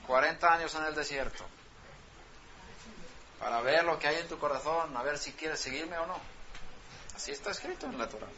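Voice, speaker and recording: A Swedish-born man preaches a sermon, driving his point home with rhetorical questions. His voice is a little high with lively intonation, at normal speed but with long pauses. Background noise and faint ambience come through the dull, lo-fi recording.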